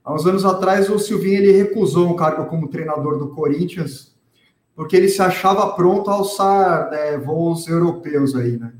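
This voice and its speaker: A man's voice: on the high side, normal speed, darkish tone, roomy sound. A man on a football podcast panel asking his co-hosts a question, hesitant and full of restarts. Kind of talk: casual football debate.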